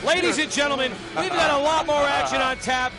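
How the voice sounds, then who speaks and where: A man's voice: very high-pitched, brisk, vocal fry. A man giving live wrestling play-by-play commentary, emphatic and often raising his voice. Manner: emphatic, often raises voice to a shout. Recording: event music behind the voice.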